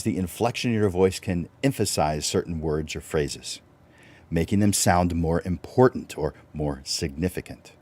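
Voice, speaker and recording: A man with a low voice hosting a live-stream teaching talk, relaxed and conversational, with fillers and restarts. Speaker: host.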